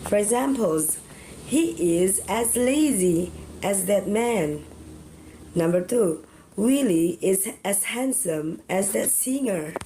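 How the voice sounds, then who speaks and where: Slow, mellow-voiced Indonesian woman teaching. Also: mid-range voice, expressive, a little hiss or hum, rough recording. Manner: deliberate, stretching out example words syllable by syllable. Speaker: English teacher. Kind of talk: slow step-by-step grammar lesson.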